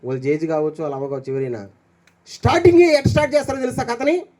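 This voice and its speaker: An older man preaching a sermon as pastor, questioning his congregation and swinging between raised calls and quiet low asides. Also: big pitch swings, very fast.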